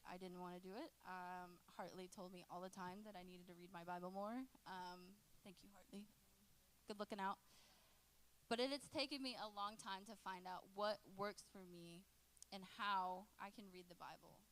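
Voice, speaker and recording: A young woman in her late twenties gives a youth group talk. She is relaxed and jokes with the teens. Her voice sits at a middle pitch. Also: moderate pace, a little hiss or hum, low-quality recording. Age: 20s. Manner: lively and joking, chatting with teens in the room. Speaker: youth pastor.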